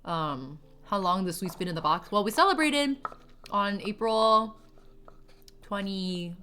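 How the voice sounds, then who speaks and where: A woman's voice: medium pitch, sing-song, a little slow, sharp tone, smooth, soft background music. A woman in her late twenties, a streamer, chatting casually and rambling, giggling often and swearing offhand. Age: 20s. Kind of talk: casual chat with live chat.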